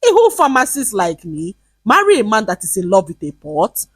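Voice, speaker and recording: A woman's voice: medium pitch, wildly swooping pitch, brisk, breathy edge, dry recording. A woman voicing a proud young woman pharmacist who scoffs at a rejected suitor. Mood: scornful. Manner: scornful, hissing.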